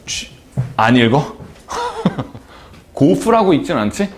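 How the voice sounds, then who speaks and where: A male math teacher lecturing a classroom, his pitch a little high and very lively, bouncing up and down. He keeps things chatty, calling on students by name and joking between points. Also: a little slow, slight background noise.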